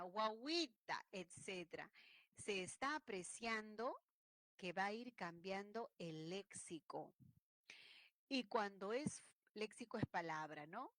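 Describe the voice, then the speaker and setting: A woman's voice: mid-range voice, fairly bright tone, no echo. A woman teaching an online language lesson, explaining points and acting out regional ways of speaking. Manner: explanatory, acts out regional speech examples.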